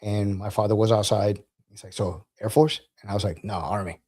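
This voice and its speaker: A man, an Army veteran guest, talking casually in an interview, halting and repeating words, laughing as he tells stories. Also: lowish voice, fairly even intonation, darkish tone.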